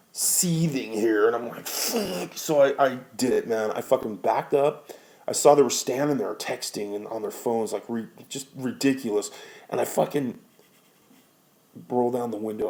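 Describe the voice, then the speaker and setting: A man's voice: medium pitch, creaky, darkish tone. A man in his own plain voice, telling a story as a rideshare driver in a loose, rambling rant. He swears constantly and sounds indignant. He sighs often and keeps restarting his sentences. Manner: profane, heated and indignant, frequent sighs.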